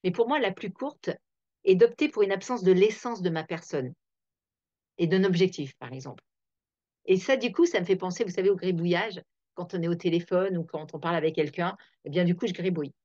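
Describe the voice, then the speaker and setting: A woman's voice: fairly low pitch, a little fast, dark tone, dry recording. A woman hosting a reflective talk, thinking aloud with many fillers and restarts. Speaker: host. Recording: dull, dry lo-fi sound.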